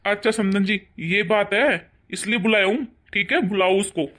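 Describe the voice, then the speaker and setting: A woman voicing a calm, formal middle-aged father-in-law in a cartoon story, speaking slowly and steadily. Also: medium pitch, pitched below the performer's own voice, lightly acted.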